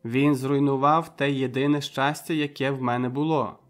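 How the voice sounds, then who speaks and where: A man's voice: medium pitch, little pitch movement, moderate pace, faint music behind, lightly acted. A man voicing a cold, vengeful betrayed husband who speaks bitterly, in an audiobook reading.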